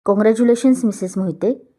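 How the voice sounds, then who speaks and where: A woman's voice: mid-range voice, quick pace, mellow, natural voice. A woman voicing a young man who is a mocking, sarcastic rival in a storybook reading. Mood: taunting. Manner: sarcastic, taunting.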